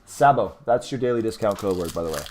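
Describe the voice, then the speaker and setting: A man's voice: on the low side, expressive, quick pace, darkish tone, a little hiss or hum. A man hosting a live card-breaking stream, talking in a chatty, rambling way with frequent self-corrections. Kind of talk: casual live-stream chat.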